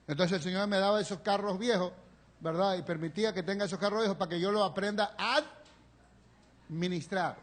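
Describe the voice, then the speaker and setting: A man preaching in a church with a rather high voice. He tells his story with passion, rising to loud pleas and dropping to near-whispered confession. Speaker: pastor. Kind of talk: sermon. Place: church sanctuary, live stream.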